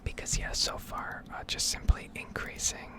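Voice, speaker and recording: In the manner of an ASMR gameplay clip, a woman whispers breathily and heavily close to the mic. She rambles casually with some hesitation, keeping a normal pace.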